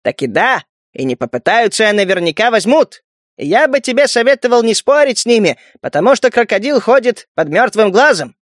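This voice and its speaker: A man voicing an old spider-like male mutant trader with a creaky, grumbling voice. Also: high-pitched, sing-song, fairly quick, fairly bright tone, dry recording, clean studio sound, full character voice. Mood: advising. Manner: grumbling, reproachful.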